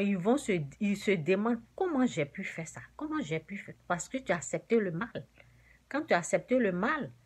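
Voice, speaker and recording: A woman's voice: on the low side, slightly rough. A woman delivers a sermon in a direct, exhorting voice. She hammers her points home by saying them again and again, addressing her listeners as "you" throughout. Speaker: preacher.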